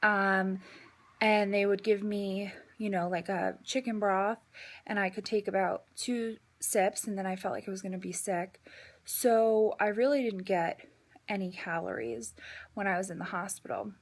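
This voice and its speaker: A woman giving a casual personal update, speaking in a halting way with drawn-out pauses. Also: medium pitch, fairly even intonation. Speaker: vlogger giving a health update.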